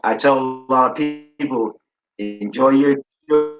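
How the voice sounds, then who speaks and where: Man, mid-pitched, crackly cutting-out mic, muffled lo-fi call audio, halting casual chat. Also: soft background music. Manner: halting, repeats and restarts words. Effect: mic cutting in and out with a crackly loose connection. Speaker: guest on an online group call. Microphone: computer or phone mic on a video call.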